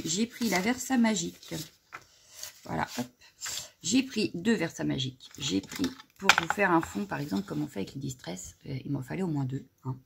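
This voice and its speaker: Chatty woman with a gravelly low voice. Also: a little hiss or hum. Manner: chatty, lots of "voilà" and fillers. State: frog in her throat. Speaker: crafting vlogger. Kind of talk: casual product haul.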